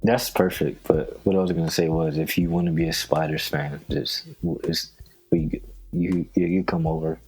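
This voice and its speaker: A man co-hosting a podcast, chatting casually and excitedly about his team, bragging with frequent laughs. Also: low-pitched, normal speed, husky, faint music behind, low-quality recording. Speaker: podcast co-host. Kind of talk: casual sports chat.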